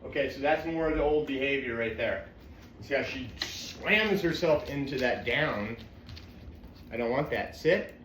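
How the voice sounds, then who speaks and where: A man working as a dog trainer, calmly explaining a training session to viewers between soft coaxing praise for the dog. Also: mid-range voice, unhurried, reverberant, slight background noise. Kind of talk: narrating a training session to camera. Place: indoor room with a dog.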